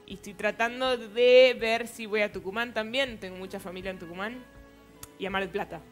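A woman's voice: mid-range voice, a little fast, soft background music. A young woman from Argentina, a singer-songwriter, chatting casually in a TV studio interview with easy laughs and hesitant fillers. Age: young adult. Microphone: headset mic.

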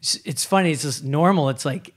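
A man hosting a podcast, speaking in a supportive, gentle way with lots of affirmations. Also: a little high, brisk. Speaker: podcast host. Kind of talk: casual chat.

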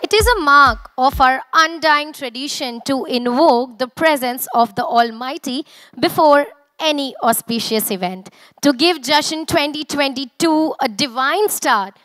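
A woman's voice: high-pitched, a little slow, no echo, low-quality recording. A young woman with an Indian accent hosting a corporate event, projecting energetically to an audience as an emcee. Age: young adult. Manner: energetic, projected, rousing delivery. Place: large auditorium stage. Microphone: handheld and podium microphone.

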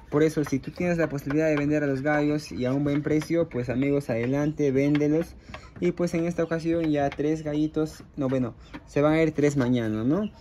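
A man's voice: fairly high pitch, warm tone, a little hiss or hum. Chatty man at a chicken coop. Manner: chatty, addresses viewers as friends, frequent fillers. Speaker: small-scale poultry farmer. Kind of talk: casual vlog explaining his chicken project. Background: hens and roosters clucking faintly.

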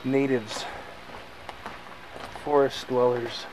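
A man's voice: mid-range voice, steady tone, drawn-out words. A man filming himself on a forest trail, narrating with playful mock-dramatic asides on a handheld camcorder. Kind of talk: jokey handheld hiking commentary. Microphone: handheld camcorder mic. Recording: noisy outdoor camcorder audio.

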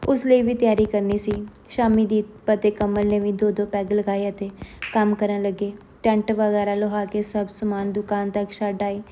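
A woman reads a story aloud in a low-key, even voice that stays mostly level. Her tone is soft and mellow, without much brightness. A faint hiss sits under the recording. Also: rough recording.

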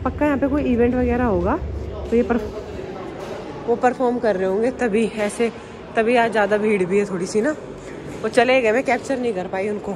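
This young Indian woman runs a casual walking-tour vlog, chatting straight to her audience as she moves through large museum halls. Her voice leans high, captured by a phone held at arm's length, and the busy museum setting makes the recording noisy.

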